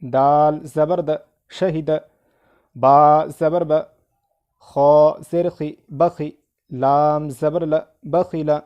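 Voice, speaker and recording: A man with an Indian accent leads a Quran reading lesson, spelling each Arabic letter and vowel mark in a very slow, deliberate rhythm. His voice sits a little high but sounds dark and mellow. He hurries through the short explanations between drills. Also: clean tone.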